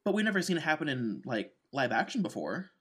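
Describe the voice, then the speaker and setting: A man's voice: a little high, big pitch swings, quick pace, fairly bright tone, slightly rough. A man co-hosting a podcast, casually recapping with wry asides and many fillers. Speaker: podcast co-host. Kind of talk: casual chat.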